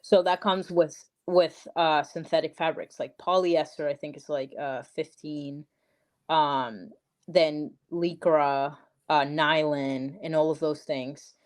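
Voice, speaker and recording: A young woman from Peru speaks slowly in a low-pitched, steady voice as a podcast guest in a casual interview chat. She's chatty and emphatic, peppering her talk with "like" and "literally."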